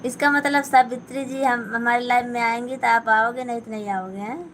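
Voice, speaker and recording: A woman's voice: on the high side, fairly even intonation, brisk, a bit bright, slight background noise, rough recording. A woman with an Awadhi-flavoured Hindi accent, hosting a casual live stream from home while she sits and sews, reading out viewers' comments and answering them one by one. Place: at home, sitting and sewing.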